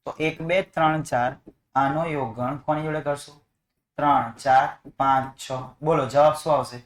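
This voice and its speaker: A man's voice: fairly high pitch, steady tone, measured pace, reverberant. A man teaching math to a class, coaxing students with repeated questions. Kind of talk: classroom lesson.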